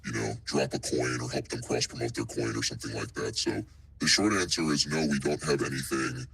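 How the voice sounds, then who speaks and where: A man talking through a voice changer that shifts his pitch very deep, giving earnest, explanatory answers in a casual online Q&A. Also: fairly quick, gravelly, fairly bright tone, slight background noise. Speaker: NFT art project representative answering questions.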